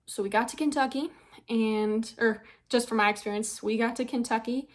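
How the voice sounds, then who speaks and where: A woman's voice: on the high side, fairly even intonation, normal speed. Chatty young woman vlogging, slightly breathless. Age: young adult. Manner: chatty, rambling, with frequent ums and little laughs. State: a bit out of breath. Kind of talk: casual chat.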